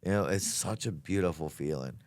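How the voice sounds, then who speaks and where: A man's voice: sits low, brisk, a little mellow, no echo. A man chatting casually as an interview guest, earnest and emphatic, with plenty of slang. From south Louisiana, United States. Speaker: comedian being interviewed. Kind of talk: casual chat.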